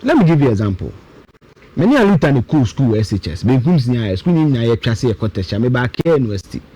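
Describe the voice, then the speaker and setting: On a talk show, a Ghanaian political commentator in his thirties argues emphatically about the budget, using rhetorical questions and repetition. His medium-pitched voice is very animated, racing, dark and slightly rough, and the audio is poor.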